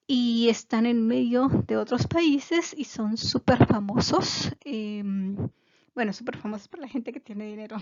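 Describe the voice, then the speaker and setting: A woman's voice: on the high side, darkish tone, no room sound, lo-fi sound. Chatty woman teaching a lesson. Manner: chatty and digressive, many fillers. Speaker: language teacher. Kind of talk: casual video lesson.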